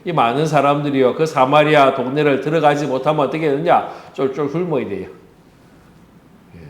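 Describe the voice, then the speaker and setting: A man's voice: fairly high pitch, echoey room. A man with a Busan Korean accent, a pastor giving a conversational sermon that he keeps moving with rhetorical questions. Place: church.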